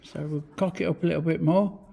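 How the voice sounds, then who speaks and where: A fast-talking British hobby machinist with a fairly high, gravelly voice and fairly even intonation demonstrates at his milling machine in a small home workshop. He swears freely and talks matily through each step in short bursts for his vlog. The mill runs loudly, with engine noise and clicking behind him.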